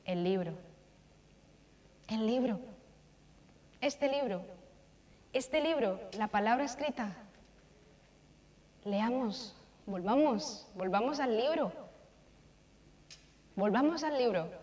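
A woman's voice: fairly high pitch, darkish tone. A young woman preaching a sermon in a church, emphatic and repeating phrases for stress. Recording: long reverb of a church hall.

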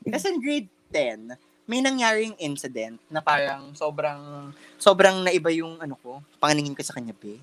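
Lively young man chatting in Taglish. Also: fairly high pitch, normal speed. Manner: chatty Taglish storytelling with many fillers and restarts; campy slang exclamations. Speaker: podcast co-host. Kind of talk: casual chat.

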